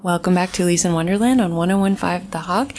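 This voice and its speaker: A woman's voice: lowish voice, quick pace, a little mellow. A woman hosting a radio show, asking friendly, inviting questions and leading into music breaks. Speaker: radio host.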